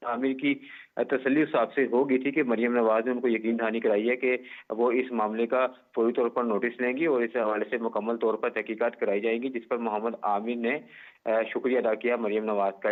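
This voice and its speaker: A male sports reporter phoning in a measured, formal live report over a phone line that breaks up and cuts out, pausing often with "uh". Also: medium pitch. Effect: phone line breaking up and cutting out.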